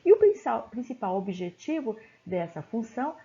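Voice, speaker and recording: A woman's voice: a little high, sing-song, normal speed, mellow. A woman teacher, giving a classroom lecture and checking in often with her listeners. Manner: explanatory, checks in with "tá?" and "né?". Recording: dull, lo-fi recording.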